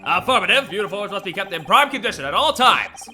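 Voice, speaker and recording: A man's voice: sits high, lively intonation, fast, pushed and bright, pitched above the performer's own voice, full character voice. A man voicing a bossy army sergeant who speaks in clipped military commands, with game music behind. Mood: barking.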